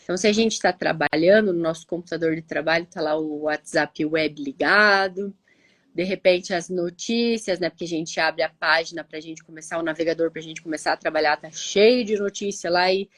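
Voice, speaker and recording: The live show co-host, a teacher from Curitiba, has a lowish, fairly bright voice and a moderate pace, with no room sound. Stuffy-nosed and speaking with a Brazilian Portuguese accent, she explains casually in a chatty way, often ending phrases with "né?".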